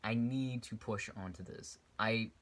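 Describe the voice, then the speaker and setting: Lowish in pitch, fairly bright and a little slow, this young YouTuber's voice carries a relaxed VR headset review vlog. He keeps restarting sentences and drifting off topic as he rambles along.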